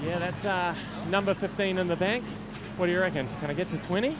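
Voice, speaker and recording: Joking middle-aged athlete. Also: male voice, high voice, fairly quick. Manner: relaxed, joking. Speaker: veteran athlete and coach. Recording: noisy outdoor background.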